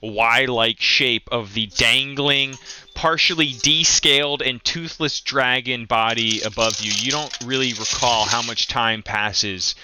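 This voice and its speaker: Bright-voiced man narrating as game master. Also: mid-range voice, unhurried, a little hiss or hum. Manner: descriptive, with fillers. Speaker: dungeon master.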